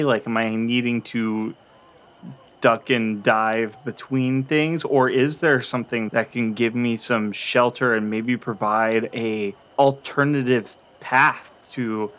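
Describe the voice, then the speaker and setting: Slow-talking man playing a tabletop game. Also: mid-range voice, fairly even intonation, fairly bright tone. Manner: unhurried, thinks aloud. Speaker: player. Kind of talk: casual tabletop play.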